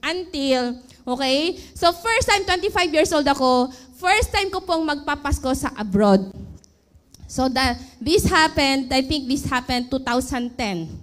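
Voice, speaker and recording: A woman's voice: high-pitched, lively intonation, a little slow. A woman from the Philippines in her thirties, telling her story of working abroad and asking her audience questions. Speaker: former overseas worker. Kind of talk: emotional personal testimony.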